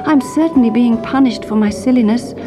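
A woman voicing a spoiled young princess who speaks in a high, petulant, sulky way, reading a storybook. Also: very animated, measured pace, full character voice. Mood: remorseful. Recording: music playing behind.

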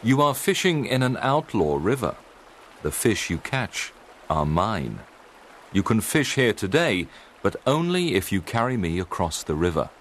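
A man's voice: lowish voice, very animated, measured pace, a bit bright, slight background noise, voice pushed up. A man doing a bold young outlaw leader. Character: thin, strong young male outlaw leader, bold and friendly.

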